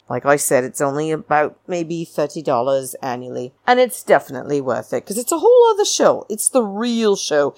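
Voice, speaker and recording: A woman with a low voice hosts a podcast in a close, dry recording. She talks slowly and theatrically, stretching key words for emphasis. Her chatty recap is blunt and full of opinion. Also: darkish tone, dry recording. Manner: theatrical, drawn-out emphasis, addressing listeners as darlings. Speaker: podcast host. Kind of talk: chatty reality-show recap monologue.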